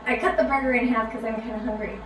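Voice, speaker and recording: Upbeat middle-aged woman on a cooking livestream, slightly high voice, echoey room. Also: steady tone, fast. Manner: playful, upbeat, plugs the website to viewers. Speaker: co-host of a live cooking stream. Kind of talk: casual live-stream chat. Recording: roomy sound from a distant mic, faint background noise.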